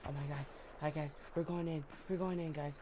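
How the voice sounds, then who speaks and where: A man giving casual, crude gameplay commentary, joking and repeating himself, with sudden loud excited outbursts. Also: fairly high pitch, a little fast, a little hiss or hum. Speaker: gameplay video maker.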